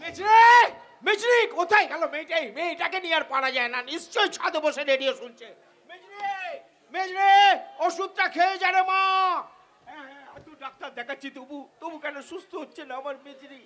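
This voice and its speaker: A man's voice: very high voice, very fast, hardly any pauses, pushed and bright, full character voice. A man playing an anxious father who tenderly pleads with his sick daughter, repeating himself, in live folk-theatre style. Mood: anguished. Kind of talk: live jatra stage acting.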